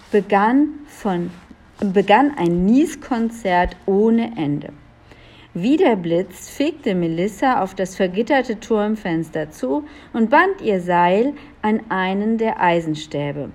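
A woman reads a children's story aloud at an unhurried pace. Her pitch moves a great deal as she gives the narration expression, and she sometimes stumbles and corrects herself. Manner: slow, lively, expressive reading with occasional slips. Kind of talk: reading a children's book aloud.

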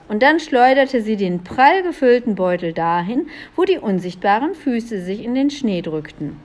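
A woman reading a children's storybook aloud, slowly and expressively, with the odd slip of the tongue. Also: mid-range voice. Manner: slow, lively, expressive reading with occasional slips.

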